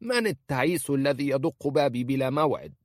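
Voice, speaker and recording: A man's voice: medium pitch, expressive, brisk, no room sound, studio quality, pitched above the performer's own voice, close to an everyday voice. Man voicing a harsh, scornful old woman. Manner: sharp-tongued, scolding.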